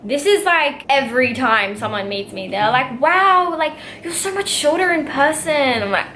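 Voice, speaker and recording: A nineteen-year-old Australian woman vlogs casually, answering viewer questions to camera in a high, expressive voice that sounds pushed and bright. She's giggly and bubbly at a moderate pace, sprinkling in "like" and other fillers, with a slight hiss or hum underneath.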